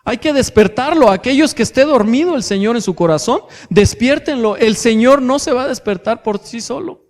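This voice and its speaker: A man's voice: extremely high pitch, lively intonation, moderate pace. Mexican preacher guy, calls everyone brothers, lots of uh and restarts, echoey church. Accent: Mexican Spanish. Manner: addresses congregation as brothers, asks rhetorical questions; hesitant fillers and restarts. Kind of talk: sermon. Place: church hall.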